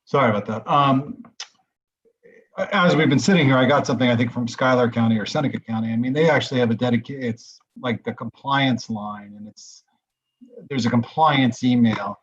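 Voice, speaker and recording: A man's voice: mid-range voice, normal speed, slightly rough, no room sound, lo-fi sound. A man who serves as a legislator speaks in a committee meeting over a conference call. He thinks aloud in a casual, hedging way, with plenty of fillers. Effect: conference call audio. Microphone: computer or phone on a video call.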